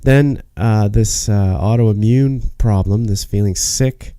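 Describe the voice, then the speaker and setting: A man talking to camera in a rambling monologue, frustrated and swearing, halting with many fillers and restarts. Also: on the low side, dark tone, clear, resonant tone, no echo. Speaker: vlogger.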